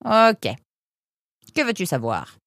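A woman's voice: medium pitch, huge pitch swings, slow pace, a bit bright, no echo, clean studio sound, voice pushed up, heavily acted. A woman voicing an aging male animal doctor who is kindly and a little tired, in a storybook reading. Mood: weary kindly.

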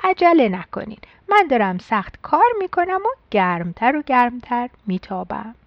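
A woman's voice: a little high, sing-song, no echo, muffled recording. A woman voicing a kind, hard-working sun who reassures the animals patiently. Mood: reassuring. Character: kind, busy Lady Sun.

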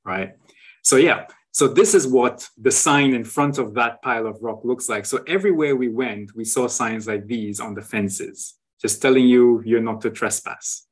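A man talks through his evidence in a relaxed, conversational way, checking in with his listener after almost every point. His voice sits at an ordinary pitch for a man, and he keeps returning to the start of a phrase before finishing it. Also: moderate pace, slightly rough. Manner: tag questions, frequent restarts. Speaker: guest sharing travel photos. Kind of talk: conversational explanation.

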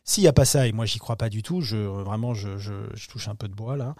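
A man's voice: lowish voice, a little fast, a little mellow, dry recording, clean studio sound. A man talking about upcoming films in a podcast interview, hesitant, with many fillers and restarts. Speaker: film distribution executive.

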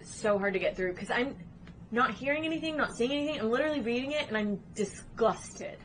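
A woman's voice: on the high side, lively intonation, fairly quick, slight background noise. A woman co-hosting a podcast in casual chat, reacting earnestly and frankly to a movie. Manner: earnest, reacts strongly, frank about disgust. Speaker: podcast co-host.

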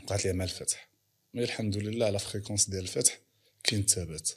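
A Moroccan man hosts a casual conversation in a lowish, husky voice. He speaks at a brisk, rapid pace with a Moroccan Arabic accent. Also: fairly even intonation. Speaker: interview host.

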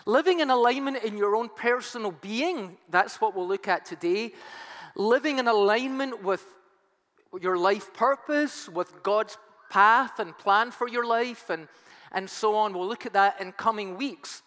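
Speaking at a measured pace in a high, slightly bright voice, a pastor delivers a sermon though his voice is strained and almost gone. He keeps it conversational with self-deprecating humor; the church hall adds long reverb, and faint music plays.

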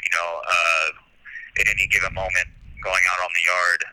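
A man calling in on a prison phone line as an incarcerated student, talking in a halting way with many ums and repeats. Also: low-pitched, little pitch movement, sharp tone. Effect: heard over a prison phone line.

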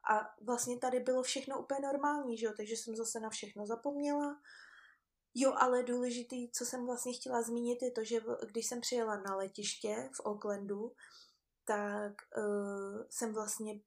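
A woman's voice: fairly high pitch, little pitch movement. A young woman telling a travel story in casual chat, with frequent laughs and lots of fillers. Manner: chatty, laughs often, many fillers. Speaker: guest.

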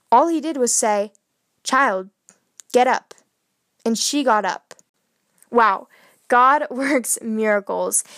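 A woman with a high, light voice hosts a relaxed faith podcast, reading scripture aloud and then retelling it with earnest wonder. She takes her time over every phrase, and the sound is close and dry with no room around it. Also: no echo. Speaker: podcast host.

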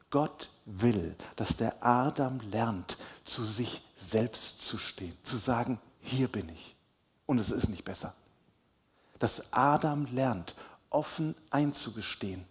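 Male pastor, sermon; husky, unhurried delivery that swells for emphasis and sinks to a hush. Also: on the low side. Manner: slow, deliberate delivery with emphatic rises and soft drops. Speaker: preacher.

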